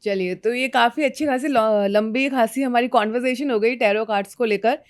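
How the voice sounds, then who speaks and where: A woman hosts an interview and asks curious, probing questions. Her voice sits a little high, and the recording is dry and close. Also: normal speed, no echo.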